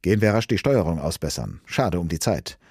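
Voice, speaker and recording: Brief: man doing a scolding astronaut, deep and husky, dry studio sound. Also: lively intonation, brisk, darkish tone, dry recording, full character voice. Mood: impatient. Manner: pushy, scolding. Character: impatient brusque male astronaut, his future self. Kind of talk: dramatic audiobook reading.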